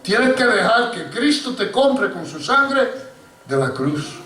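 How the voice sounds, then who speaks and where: A man with a high voice preaches and tells a story, often calling out to his brothers in the pews. He is recorded from a distance in an echoey church, with a faint room hum behind him. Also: takes it slowly. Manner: animated preaching, addressing listeners as hermano. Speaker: pastor. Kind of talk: sermon with storytelling. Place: church hall.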